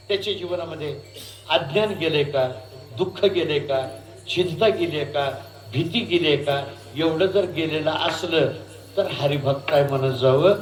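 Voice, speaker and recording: Sitting high in pitch, a man's voice carries a devotional kirtan sermon that weaves sung verses with spoken preaching. He animatedly questions the audience, and the room is reverberant.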